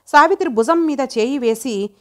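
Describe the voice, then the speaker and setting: A woman reading an audio story aloud as its narrator, in a measured, dramatic way. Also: high-pitched, expressive. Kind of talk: scripted narration.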